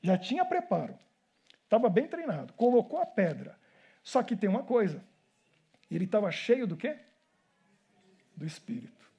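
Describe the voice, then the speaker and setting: A man's voice: high-pitched, sing-song, normal speed, vocal fry, pauses often, mellow, husky. A male pastor with a Brazilian Portuguese accent, preaching a sermon and acting out the characters' lines as he tells the story.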